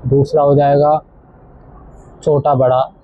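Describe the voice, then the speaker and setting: A male teacher explaining a textbook lesson to children, slowly repeating words for emphasis. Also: fairly high pitch, level tone. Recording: tinny phone-like audio.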